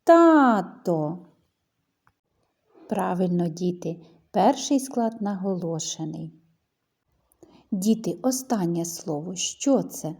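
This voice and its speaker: A woman teacher speaks slowly to young children, stretching her words in a sing-song lilt. Her voice is mellow and soft, with a breathy, slightly husky edge. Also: fairly low pitch. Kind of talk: children's lesson.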